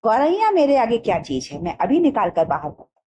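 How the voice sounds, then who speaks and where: A woman's voice: a little high, wildly swooping pitch, brisk, dark tone, a little hiss or hum. A woman reading the lines of an angry, stubborn father from a storybook lesson, in an indignant, blustering tone. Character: hot-tempered stubborn father, a man.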